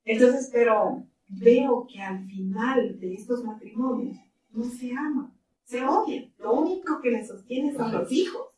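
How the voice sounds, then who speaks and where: A woman's voice: on the high side, a little slow. Middle-aged woman in a roomy studio. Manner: animated storytelling, laughs often. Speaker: ministry leader. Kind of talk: interview conversation. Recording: roomy, distant mic, faint ambience.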